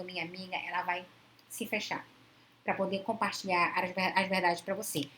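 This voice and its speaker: A woman's voice: medium pitch, slight background noise. A woman psychologist, talking casually to live-stream viewers and acting out bits of dialogue in changing tones. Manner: conversational, acts out quoted dialogues in shifting tones.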